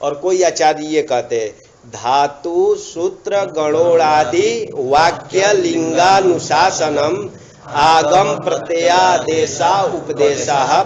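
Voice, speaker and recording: A man with a fairly high voice teaches an explanatory grammar lesson, repeating himself and checking understanding with asides. The recording is dull and lo-fi.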